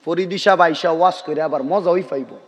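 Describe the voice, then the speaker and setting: A preacher, a man pitched noticeably high for his sex, delivers a sermon to a gathering. He chats and teases, then prods the crowd to answer aloud. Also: fairly quick. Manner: chatty, bantering, calls out to the crowd for responses. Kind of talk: Islamic sermon (waz) to a gathering.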